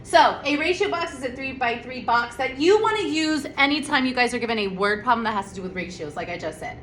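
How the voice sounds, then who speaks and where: A woman's voice: sits high, lively intonation, quick pace, a bit bright, a little hiss or hum. A woman teaching math to her students in a chatty, casual tutorial. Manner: chatty, talks directly to students. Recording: echoey room with faint ambience.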